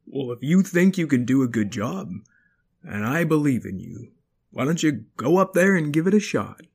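A man voicing a gruff but kindly, hardworking dinosaur father in a children's story, speaking in a folksy, firm and encouraging way. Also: on the high side, very animated, normal speed, exaggerated voice.

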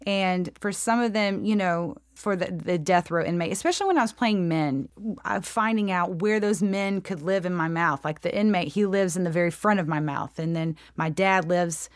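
A woman's voice: fairly low pitch, moderate pace, dry recording, clean studio sound. A woman, an actress chatting as a podcast guest and laughing often. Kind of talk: casual interview talk.

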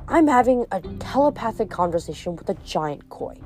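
A woman's voice: mid-range voice, sing-song, moderate pace, faint music behind, lightly acted. A woman voicing a defiant, sarcastic teenage demigod boy. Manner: sharp, sarcastic.

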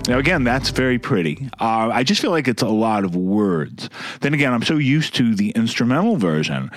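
A man's voice: mid-range voice, very animated, moderate pace, no echo. A man hosting a music podcast, talking casually and wryly about songs and sometimes humming melodies. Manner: chatty, wry, hums melodies. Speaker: podcast host.

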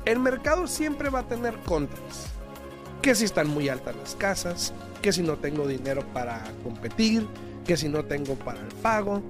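A man's voice: sits high, sing-song, moderate pace, over music. A man co-hosts an on-air talk show, commenting informally and rephrasing as he goes. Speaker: radio show co-host.

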